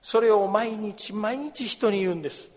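Man, pastor, sermon, high voice, acts out voices in the story, long hall reverb. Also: moderate pace. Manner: explains scripture, acts out the beggar's and crowd's cries.

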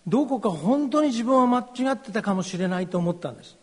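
Middle-aged male pastor, high husky voice, slow earnest testimony sermon. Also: lively intonation, a little mellow. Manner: slow, earnest, confessional delivery. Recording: long hall reverb.

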